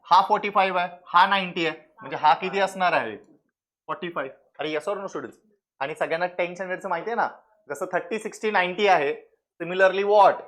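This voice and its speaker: A man with a Marathi accent teaching a math class, drilling students with quick questions and answering them himself, mixing English into his lesson. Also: high-pitched, fairly bright tone. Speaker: math tutor. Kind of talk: classroom lecture.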